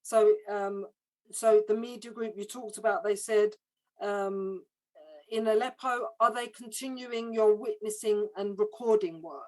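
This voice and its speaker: A woman's voice: medium pitch, fairly even intonation, unhurried, a little mellow, poor audio. Hesitant woman moderating an online panel. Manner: hesitant, repeats words while reading questions. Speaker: symposium moderator. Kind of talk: moderating audience questions. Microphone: video call.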